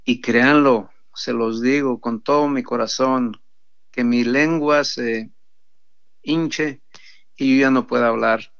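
A man's voice: medium pitch, fairly even intonation, slow, gravelly, a bit bright, clean tone. A man earnestly telling a testimony story to an audience he calls his brothers, repeating himself as he goes. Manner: earnest, repetitive, addresses listeners as brothers. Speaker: pro-life sidewalk counselor giving testimony. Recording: dull lo-fi recording.

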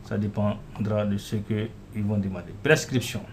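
Low-voiced man walking through software. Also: flat delivery, measured pace, slight background noise. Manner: casual, repeats "voilà" and "euh" while clicking through. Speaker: software developer demonstrating his app. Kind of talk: screen-recorded software walkthrough.

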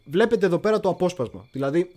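A man's voice: high-pitched, expressive, a little mellow. A man hosting a casual history livestream, chatty and digressive, often stopping to search for words. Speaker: history channel host.

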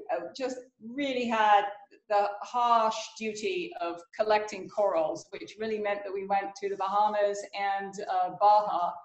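A woman's voice: medium pitch, muffled recording. Woman on a video call, echoey room. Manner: hesitant, many fillers. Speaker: panelist. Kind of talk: casual panel discussion.

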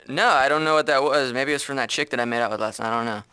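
A man's voice: medium pitch, rapid-fire, bright, forceful tone, clean tone, no echo. A man reading video game dialogue aloud in a playful, dramatic way. He giggles often and stumbles, then retakes his lines. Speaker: let's play gamer voicing dialogue.

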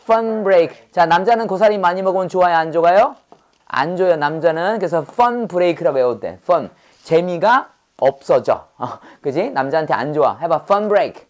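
A woman with a lowish, animated voice runs a brisk call-and-response English vocabulary drill. She fires off quick questions and repeats each word again and again.

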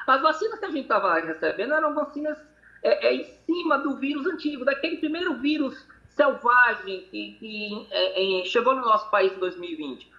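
A man's voice: very high voice, expressive, normal speed. Man on an echoey lo-fi video call. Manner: hesitant, repeats words while explaining. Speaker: infectious disease doctor guest. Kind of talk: explanatory interview answers. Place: hospital.

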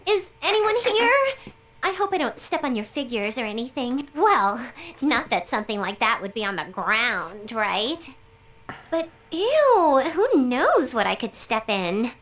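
A woman's voice: on the high side, very animated, a little slow, fairly bright tone, full character voice. A woman voicing a bubbly, scatterbrained and cheeky young girl heroine in an anime video game, playful and dramatic. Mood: curious, cheeky. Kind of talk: English video game voice acting.

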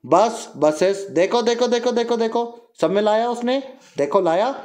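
A young man teaching a grammar lesson, repeating words and asking the listener quick questions to drill them in. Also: very high-pitched, a little mellow. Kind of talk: Hindi grammar lecture mixing in English terms.

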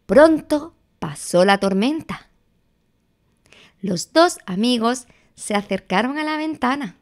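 A woman reading a children's story aloud in a slow, expressive way. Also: medium pitch.

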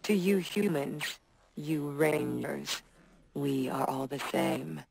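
A woman with a deep, creaky voice gives a heavily acted performance as a bitter, vengeful female synth robot in a video game. She speaks coldly, slowly and measuredly, with open contempt, over background noise.

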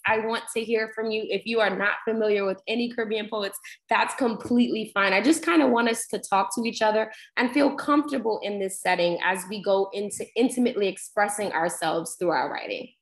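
A young woman from Guyana, raised in New York, leading an online poetry workshop as instructor, speaking earnestly with frequent ums. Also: a little high. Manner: warm, earnest, many ums. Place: home room on video call. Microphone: laptop video call mic.

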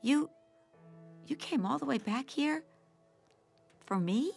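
A woman playing a guarded, sardonic female alley cat in an animated film, speaking in a dry, halting way. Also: sits high, creaky, soft background music, heavily acted. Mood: stunned, touched.

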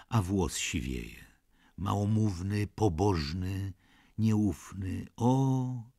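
A timid, pious old nursemaid, as a male reader puts her on, confiding in a hushed, sighing way. The voice is gravelly and husky, low and slow, like an old storybook reading. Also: no echo, studio quality, full character voice. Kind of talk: audiobook character reading.

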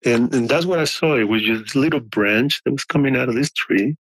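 A man in his forties telling a personal story as a podcast guest, in a halting way with many restarts. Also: mid-range voice, fairly bright tone, husky, no room sound, rough recording. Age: 40s. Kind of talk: casual storytelling.

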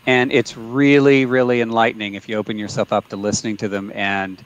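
A man's voice: fairly low pitch, level tone, brisk, lo-fi sound. Chatty man with many restarts. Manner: warm-hearted, chatty, laughs easily, many restarts. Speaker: nonprofit chief executive on a panel. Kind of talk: panel discussion.

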